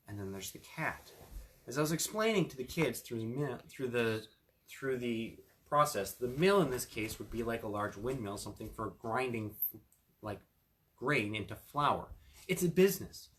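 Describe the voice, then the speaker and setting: An attorney reads a fairy tale aloud and then explains its lesson informally, offering estate tips. His voice is mid-range with a fairly bright tone.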